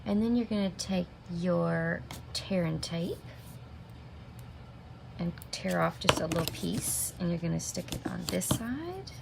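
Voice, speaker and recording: A middle-aged woman demonstrates stamping crafts in a live tutorial, her lowish voice animated and unhurried with some vocal fry. Sniffling from a slight cold, she chats her way step by step through the project and greets viewers by name. The audio comes from a camera mic at her desk, with noticeable background noise.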